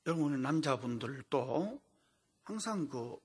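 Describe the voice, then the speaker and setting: A man's voice: mid-range voice, expressive, slow pace, breathy edge. A middle-aged man, a pastor, preaching a sermon with folksy storytelling to a congregation in a large worship hall. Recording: long hall reverb.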